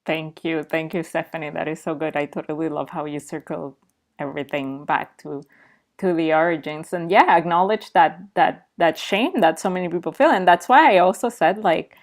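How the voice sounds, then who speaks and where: A woman's voice: deep voice, moderate pace. Woman hosting a casual discussion. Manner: affirming, picks the next speaker. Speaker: host.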